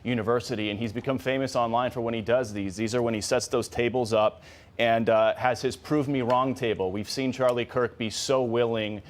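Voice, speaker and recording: A man's voice: mid-range voice, fairly even intonation, fairly quick. Man co-anchoring breaking news.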